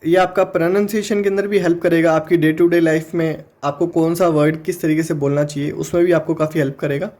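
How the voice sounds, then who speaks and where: Indian man, exam-prep tutor, higher-pitched voice, patient step-by-step explainer. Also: fairly even intonation, darkish tone. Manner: explains step by step, sounds words out slowly. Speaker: teacher.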